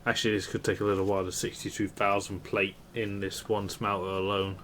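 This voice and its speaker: A man's voice: lowish voice, little pitch movement, a little fast, a bit bright. A man streaming a multiplayer game with casual commentary, upbeat when he thanks viewers. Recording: clear background noise.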